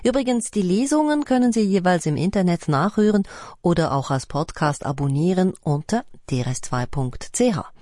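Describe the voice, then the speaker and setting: A woman reading radio credits and announcements in a calm, measured way. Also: fairly low pitch, no room sound, studio quality. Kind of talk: scripted announcement.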